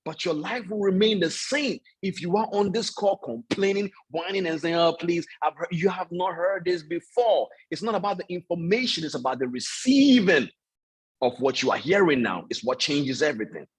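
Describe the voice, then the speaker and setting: Husky, lively-voiced man coaching traders. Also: high voice, moderate pace, poor audio. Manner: animated, preachy, repeats phrases for emphasis; talks directly to listeners, asks "does that make sense?". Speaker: trading coach. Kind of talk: motivational online call lecture.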